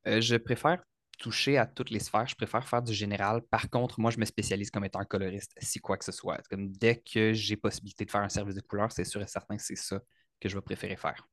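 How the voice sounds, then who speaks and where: A man in his thirties with a Quebec French accent, a hairstylist guest talking in a relaxed, hesitant way with fillers. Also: fairly low pitch, a little fast, no echo, clean studio sound. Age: 30s. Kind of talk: casual interview.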